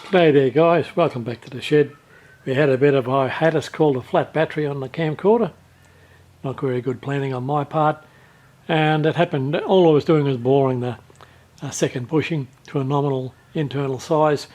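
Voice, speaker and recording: A man's voice: mid-range voice, moderate pace. A man giving casual, chatty workshop commentary in a shed, with machine noise behind him. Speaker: host of a home machining workshop channel. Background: loud running machine tool.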